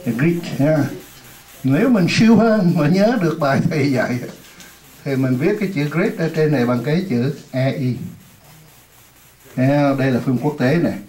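A man with a fairly high voice leads a classroom English lesson in Vietnamese. He says each word slowly again and again for the class to repeat, then slips into chatty, joking asides. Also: a little mellow, rough recording. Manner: drills words slowly, many times over, for the class to repeat. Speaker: English teacher.

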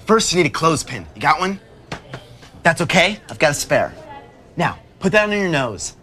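A man's voice: fairly high pitch, very animated, moderate pace, pushed and bright. A young man playing a goofy, self-assured teenage buddy in a TV comedy, breezy and earnestly silly. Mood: earnest instructing. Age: young adult. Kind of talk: TV teen comedy acting.

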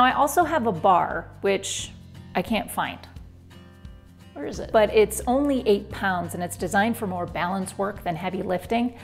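Woman in her 40s chatting thru a home gym tour, lapel mic, bit of music underneath. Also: mid-range voice. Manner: upbeat, chatty, direct to camera. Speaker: fitness vlogger. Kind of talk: home room tour vlog. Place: basement home gym, indoors.

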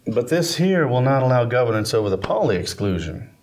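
An actor playing a knowing physicist colleague in a film drama, speaking in a gently teasing way. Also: male voice, mid-range voice, very animated, brisk, natural voice. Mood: wry.

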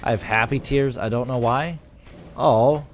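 A man's voice: mid-range voice, unhurried, a little hiss or hum. Profane, easygoing male live streamer. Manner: loose, profane, reads chat comments aloud. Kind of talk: casual live-stream chat with viewers.

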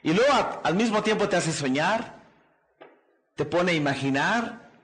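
High-voiced man giving a rousing sermon-like talk. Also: lively intonation, unhurried, a bit bright. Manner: preachy call-and-response, asks the crowd "¿qué?" and "¿verdad?"; repetitive rousing delivery. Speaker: motivational speaker. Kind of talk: motivational seminar talk.

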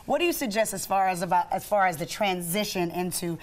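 A woman's voice: on the low side, a little fast. Woman talk show host interviewing. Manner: warm, encouraging interviewer with lots of affirmations.

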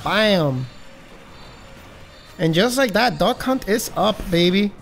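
Excitable streamer man with lively pitch. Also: slow, vocal fry, faint music behind. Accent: some accent. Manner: excitable, gasping, shouting reactions; swears freely. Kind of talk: live gaming stream commentary.

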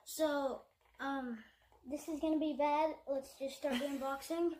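A woman's voice: high-pitched, steady tone, unhurried, background noise. A young woman hosting a casual home challenge video, chatty and giggly as she tries spicy food. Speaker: vlog host.

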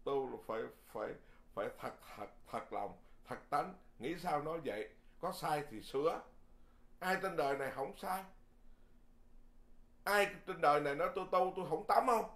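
A man who is a Buddhist monk, giving a Dharma sermon in a lively, folksy way, often repeating words and chuckling. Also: on the high side, moderate pace.

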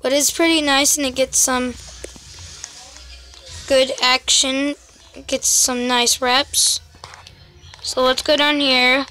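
A woman's voice: high voice, sharp tone, a little hiss or hum. A young woman casually commentating her gameplay for her channel, chatty and constantly calling out to her viewers. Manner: chatty, keeps addressing viewers as guys. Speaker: gaming channel host.

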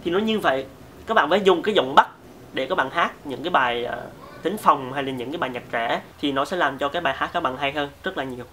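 Brief: male vocal coach, somewhat high voice, relaxed and joking, talks straight to camera. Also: quick pace, a little hiss or hum. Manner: chatty and joking, addresses viewers directly. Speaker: singing teacher. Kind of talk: casual video singing lesson.

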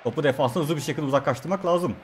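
A slightly high-voiced man streams a football video game and calls every touch of the ball in quick play-by-play, cursing casually along the way. There is a faint hiss behind him. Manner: rapid play-by-play calling of player names, swears casually. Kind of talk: live gameplay commentary.

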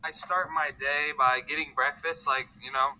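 A man chats loosely to his camera in a casual vlog. His voice is very bright and sharp, and he rambles and cracks jokes as he goes, tossing in "bro" often. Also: on the high side, fairly even intonation, normal speed, a little hiss or hum, low-quality recording. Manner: rambling, joking, says "bro" a lot. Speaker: vlogger.

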